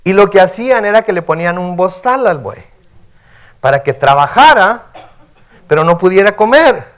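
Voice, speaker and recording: Pastor preaching conversationally. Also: male voice, high voice, animated, moderate pace, fairly bright tone. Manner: conversational, frequent "¿verdad?" tags, reads scripture aloud and explains. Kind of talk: midweek sermon, Bible teaching.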